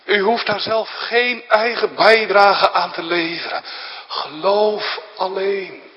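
A man's voice: sits high, takes it slowly. A male pastor preaching a solemn, pleading sermon that swells into fervent emphasis, recorded in a church. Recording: dull sound in a reverberant church.

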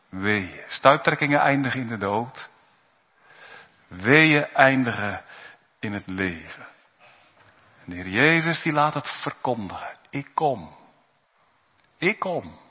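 Earnest preacher in a reverberant hall. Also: male voice, breathy edge. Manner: earnest, swings between soft low asides and raised exhortation. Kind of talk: sermon. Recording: dull sound with long hall reverb.

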